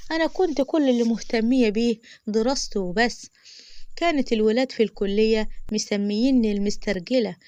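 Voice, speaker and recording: A woman's voice: on the high side, darkish tone, no echo. A woman with an Egyptian accent narrating a first-person story in a chatty, confiding way, talking straight to her listeners.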